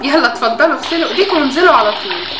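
A woman's voice: sits high, animated, racing, noisy background. A woman doing a soothing Egyptian mother doll. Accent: Egyptian Arabic. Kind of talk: doll play acting. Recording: echoey room.

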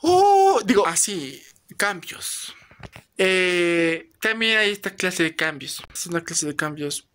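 A man narrating his own comedy sketch in a playful, drawn-out way. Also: sits high, sharp tone, clean tone. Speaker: comedy creator.

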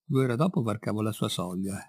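A man's voice: on the low side, slightly rough, no room sound. Man narrating a classic tale, dry close sound. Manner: measured, expressive storytelling. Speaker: audiobook reader. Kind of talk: literary read-aloud narration.

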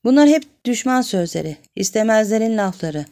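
A woman's voice: fairly high pitch, big pitch swings, moderate pace, dark tone, voice pushed up. A woman voicing a sly, lecherous middle-aged village man who coaxes and then threatens. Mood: evasive.

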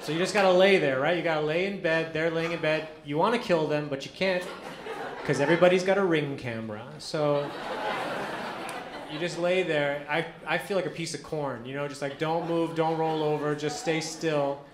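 Stand-up comedian in a roomy club. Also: male voice, on the high side, moderate pace. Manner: deadpan storytelling, acts out quoted dialogue. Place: comedy club stage before a live audience. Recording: roomy club with audience noise.

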